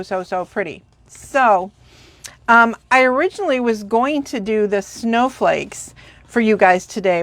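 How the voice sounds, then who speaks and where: Sniffling and stuffed up, this woman rambles through a crafting tutorial, using lots of fillers and raving about her materials. Her voice sits at a medium pitch, and the recording is dry. She's a craft demonstrator.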